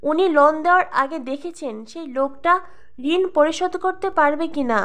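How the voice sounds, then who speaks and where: A woman's voice: high voice, moderate pace, a bit bright. A woman reading the lines of a principled young woman who speaks earnestly and reproachfully. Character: principled young woman pleading with her employer.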